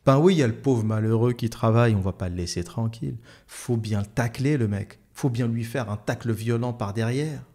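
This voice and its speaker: A man's voice: mid-range voice, brisk, hardly any pauses, mellow. A man delivering a heated, sarcastic solo monologue as an online commentator, using crude slang and frequent hesitation fillers.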